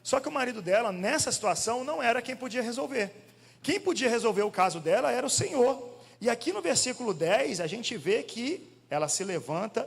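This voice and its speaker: A male pastor preaching a sermon in an animated, conversational way, firing questions at the congregation. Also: high-pitched, creaky, slightly rough. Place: church hall. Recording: long church hall reverb.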